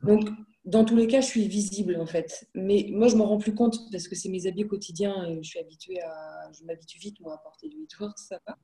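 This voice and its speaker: A woman in her thirties chatting casually, telling lively anecdotes and acting out what people said. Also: mid-range voice, fairly quick. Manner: lively anecdotes, animated quoting. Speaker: network marketing distributor. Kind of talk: casual talk to camera.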